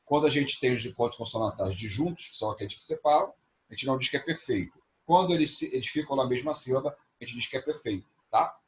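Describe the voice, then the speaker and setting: A man's voice: mid-range voice, quick pace. A man with a Brazilian Portuguese accent, teaching a class and explaining each point with frequent tag questions. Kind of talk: online class lecture.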